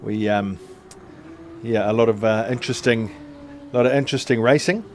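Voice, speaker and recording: A man's voice: lowish voice, normal speed, darkish tone, a little hiss or hum. A man co-hosting a sim racing stream, talking in a loose, chatty way with lots of fillers and self-deprecating asides. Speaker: co-host doing the visuals.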